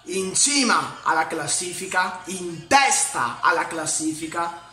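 A man in his twenties giving live fan football commentary in speech, excitable and dramatic, with anxious, emphatic repetition. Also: high-pitched, takes it slowly. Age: 20s. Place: room at home, indoors. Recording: roomy indoor echo.

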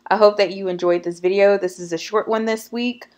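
A woman's voice: mid-range voice, steady tone, brisk, darkish tone. A woman casually narrating a renovation walkthrough of her historic house, chatty and loose, with many fillers. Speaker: home renovation vlogger.

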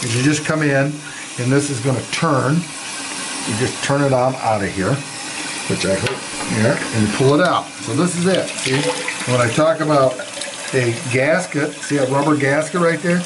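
Older plumber, plain-spoken and halting. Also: male voice, mid-range voice, background noise. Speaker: master plumber. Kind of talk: casual how-to demonstration. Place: home bathroom.

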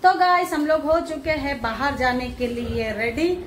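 A woman's voice: sits high, measured pace, crowd noise. A woman chatting to her viewers in a casual home vlog, talking them through her day. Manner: chatty, addresses viewers directly. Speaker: family vlogger. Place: at home indoors. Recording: echoey room, faint background noise.

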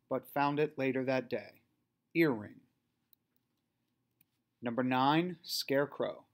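A man with a mid-pitched voice gives a spelling test. He speaks slowly, in a teacher's dictation style. Words and short example sentences are set apart deliberately. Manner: deliberate, separated announcing of single words.

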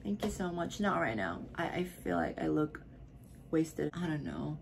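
Her voice is deep and very animated here, with vocal fry, a moderate pace and a little hiss or hum. The drunk young Filipino woman, whose first language is Tagalog, fields viewer questions in her bedroom vlog, slurring, giggling and slipping into whispers.

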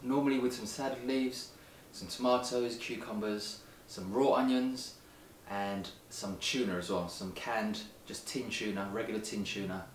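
A man hosting a home cooking video, giving clear step-by-step instructions and tasting the dish in his kitchen. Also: lowish voice, steady tone, unhurried, a little hiss or hum. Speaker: cooking show host. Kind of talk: recipe narration and tasting. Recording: background music under voice.

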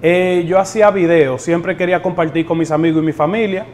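A guest born in the United States to Dominican parents talks easily in a casual interview, with a Dominican accent. His voice is a little high, fairly quick and darkish, with a faint hiss or hum, and he's easygoing, often repeating words and mixing in English phrases.

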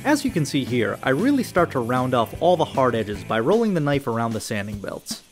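A man's voice: medium pitch, very animated, brisk, faint music behind. A man with a nasal voice, hosting and narrating a step-by-step knife-making build, upbeat with jokey asides. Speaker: knife-making channel host.

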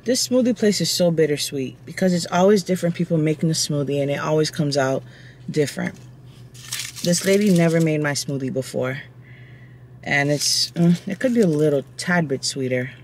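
A pregnant woman vlogging casually on her phone camera, animated and exasperated, sometimes rising to shrieks. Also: low voice, normal speed, slight background noise. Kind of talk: casual vlog chat.

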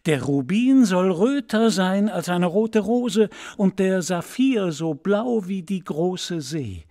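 A man voicing a restless, kind-hearted little male swallow in an audiobook fairy tale, with a high, eager, pleading voice. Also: expressive, slow pace, mellow, exaggerated voice. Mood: wistful.

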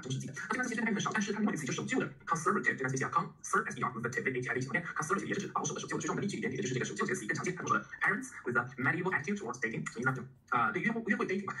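A middle-aged man teaching English vocabulary in a lively, chatty lecture, spelling words out letter by letter. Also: a little high, poor audio.

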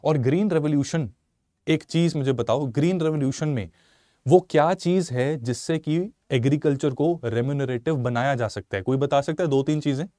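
A man in his thirties from Punjab teaching a live online exam-prep lecture in a studio, animated and mixing Hindi and English while asking viewers questions. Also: a little high, moderate pace, no echo. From Punjab, India. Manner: animated, switches between Hindi and English, asks viewers questions, gestures a lot. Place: studio in front of a slide screen. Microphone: lapel mic.

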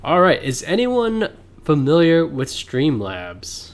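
A man streaming a card game, chatting casually with viewers and thinking out loud as he plays, heard through livestream headset audio. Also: a little high, wildly swooping pitch, slow. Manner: thinks aloud, reads card text, chats with viewers. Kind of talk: casual gameplay commentary. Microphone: livestream headset mic.

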